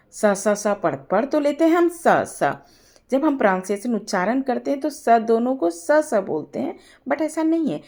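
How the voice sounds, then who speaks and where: Slow, gravelly-voiced woman teaching grammar. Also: mid-range voice, warm tone. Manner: explains step by step, asks rhetorical checks. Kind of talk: Hindi grammar lesson.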